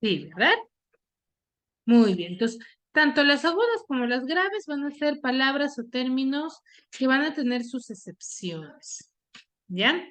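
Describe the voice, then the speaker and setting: High-voiced woman teaching an online class. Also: very animated, a little slow, a bit bright. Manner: quizzes students with repeated questions. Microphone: computer mic on a video call.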